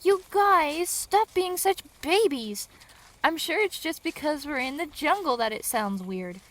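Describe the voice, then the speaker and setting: A woman's voice: sits high, animated, unhurried, a bit bright. A woman voicing a practical, bossy young girl who reassures her friends matter-of-factly.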